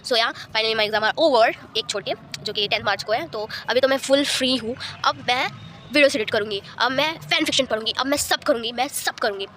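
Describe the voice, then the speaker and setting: Teen girl vlogger, quick and rambling, high bright voice, faint room noise. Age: teens. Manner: chatty, rambling Hindi-English code-switching. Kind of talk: casual chat.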